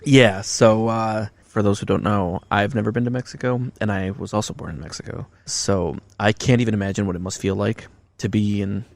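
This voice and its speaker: A man hosting a podcast, asking quick, conversational questions of his guest. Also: lowish voice, steady tone, gravelly, no room sound. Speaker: podcast host. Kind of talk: casual interview talk.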